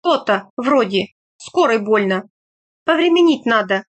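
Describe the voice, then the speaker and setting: A woman voicing a practical, playfully scolding young village woman in a read-aloud story, slow and measured. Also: fairly high pitch, expressive. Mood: teasing, brisk.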